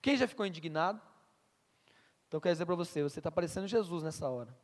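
Guy preaching in a church, high-ish voice, stumbles on words and restarts, big echoey hall. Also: animated, fast. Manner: stammers on restarts, asks the congregation questions. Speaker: pastor. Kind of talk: sermon. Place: church hall with long reverb.

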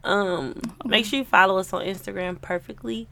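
A young woman co-hosting a podcast in casual chat, animated and teasing, laughing often. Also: medium pitch, normal speed, gravelly, a little hiss or hum. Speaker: podcast co-host.

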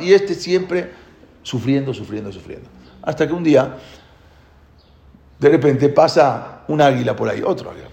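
A man tells a parable animatedly, repeating and restarting for emphasis. His voice is gravelly and a touch high. The room around him is echoey. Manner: repetitive, emphatic, lots of restarts. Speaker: guest telling a religious parable. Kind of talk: animated storytelling.

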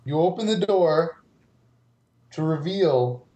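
A man's voice: fairly high pitch, animated, takes it slowly, dark tone. A man casually narrating a tabletop game as game master.

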